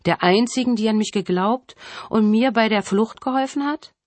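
A woman's voice: on the high side, moderate pace, a little mellow, dry recording, pitched above the performer's own voice, close to an everyday voice. A woman voicing a grown male killer who sneers and taunts, savoring his power, in a dry, close reading. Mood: taunting.

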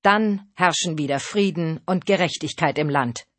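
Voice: medium pitch, moderate pace, no room sound, lightly acted. A reader voicing a stern, victorious male nobleman who makes formal proclamations in an audiobook. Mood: triumphant. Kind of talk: audiobook reading.

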